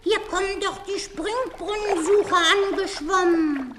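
Pittiplatsch, a squeaky little kobold. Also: female voice, unhurried, background noise. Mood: teasing. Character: small cheeky male kobold, childlike and chirpy.

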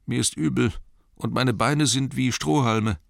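A man's voice: fairly even intonation, unhurried, creaky, no room sound, clean studio sound. Bilbo, a man doing a shaky-voiced hobbit. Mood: sad. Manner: shaky, higher put-on voice. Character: small weary male hobbit, nervous and plucky.

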